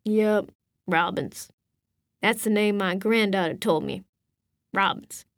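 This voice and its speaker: A woman reading an audiobook, voicing a gruff, suspicious old grandfather with folksy, drawling speech. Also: medium pitch, slow pace, no room sound, clean studio sound. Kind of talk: audiobook character voice.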